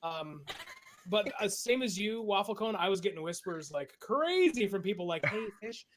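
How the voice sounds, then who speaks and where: Male host, casual and explanatory, higher pitched. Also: lively intonation, normal speed, fairly bright tone, slight background noise. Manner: chatty, laughs often, explains step by step. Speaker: streamer and podcast host. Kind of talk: casual chat.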